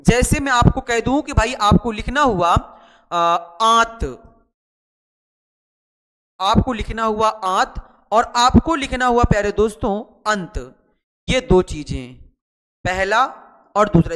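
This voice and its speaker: Recorded in a large hall, a man speaks with an extremely high, bright voice and a forceful tone. He teaches shorthand in a chatty online lesson, explaining as he writes, repeating words, and both asking and answering his students' questions.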